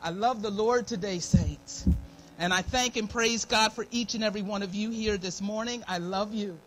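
A church elder speaks at a normal speed in a mid-range voice, her throat a little dry and scratchy. The middle-aged American woman gives a folksy, devout, informal sermon with personal testimony and prayer, returning often to expressions of thanks, from a pulpit in a church meeting room. It is a noisy live church stream recording.

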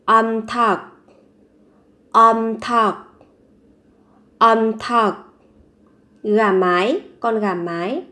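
A woman's voice: a little high, fairly even intonation, extremely slow, pauses often, sharp tone. A woman teaching a vocabulary lesson, saying each word three times and then explaining it patiently. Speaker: language teacher. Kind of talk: vocabulary lesson, repeating words slowly.

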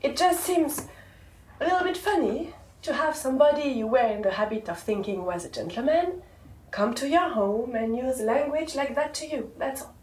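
A woman's voice: high-pitched, lively intonation, normal speed, darkish tone. A prim, wounded girlfriend, icily polite. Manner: icily polite, passive-aggressive, sarcastic self-pity. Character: prim, wounded woman, coldly polite to her boyfriend. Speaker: actress in a short film. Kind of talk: film dialogue, naturalistic acting. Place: living room of a home. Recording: roomy room echo, faint background hum.

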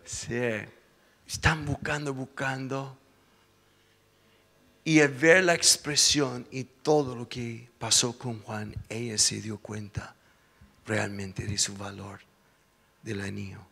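A man's voice: mid-range voice, slow pace, gravelly, pauses often, husky, long reverb tail. A male pastor telling a story in a church sermon, acting out the voices as he goes. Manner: lively storytelling, acts out the voices. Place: church sanctuary.

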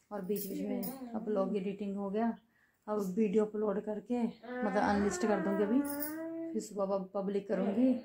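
A woman talking softly to her children and the camera at home late at night, recorded on a phone. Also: medium pitch. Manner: soft, coaxing talk to children at night. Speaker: vlogger, mother. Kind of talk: casual home vlog.

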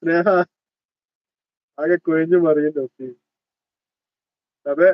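A man's voice: fairly high pitch, steady tone, takes it slowly, dry recording. Teasing Malabar-accented man on a lo-fi livestream. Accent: Malabar Malayalam. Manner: chatty, teasing, greets viewers by name. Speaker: livestream host. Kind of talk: casual live chat reading comments. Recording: dull lo-fi dry sound.

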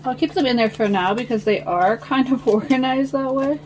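A high-sitting female voice at normal speed rambles through a casual vlog as she sorts out her nail studio at home, seated on the floor. She chats with her audience, calling them "guys," and the background is noisy.

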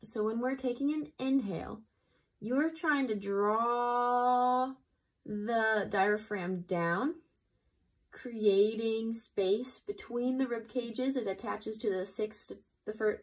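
A woman teaching an intro breathwork lesson, explaining slowly and gently and guiding the listener through breaths. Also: mid-range voice, low-quality recording. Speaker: breathwork instructor.

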